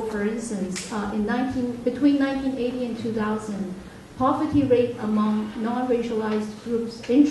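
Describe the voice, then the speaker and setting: A woman's voice: fairly high pitch, mellow, a little hiss or hum. Woman speaking in an echoey hall. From Hong Kong. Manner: earnest, measured, frequent fillers. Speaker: speaker at a public forum. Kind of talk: public speech. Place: meeting room. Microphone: far from the recording mic. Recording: echoey hall recorded from far off.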